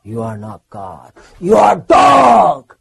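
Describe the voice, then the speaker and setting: A man imitating a grave elderly male spiritual teacher with slow, low, clipped pronouncements, in a very husky, mellow voice. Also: some chatter behind.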